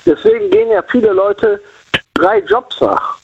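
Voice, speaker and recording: A man's voice: high voice, steady tone, a little slow, vocal fry, darkish tone, a little hiss or hum. A man from Cologne calling in to a radio show over the phone, chatting casually and rambling while he repeats himself. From Cologne, Germany. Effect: heard over the phone. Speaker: radio call-in caller. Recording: dull lo-fi phone line.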